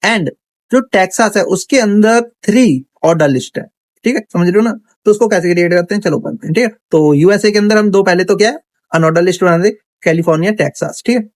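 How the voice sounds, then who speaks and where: A coding instructor with a voice that sits high talks briskly through a casual screen tutorial, recorded dry. He's chatty, thinks out loud, and checks in often with "theek hai."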